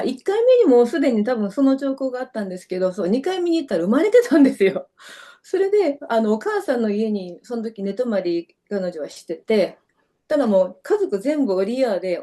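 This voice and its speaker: Her voice is a little high and warm in tone. A middle-aged Kansai-accented woman from Kyoto, Japan, she works as a dancer and, as a guest in a laid-back interview, tells long, rambling stories loaded with fillers.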